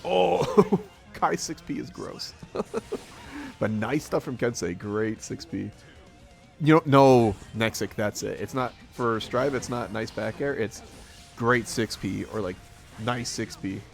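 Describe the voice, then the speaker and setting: A man's voice: medium pitch, slow, creaky, soft background music. A man casually commentating a live fighting-game tournament, rambling and chuckling often.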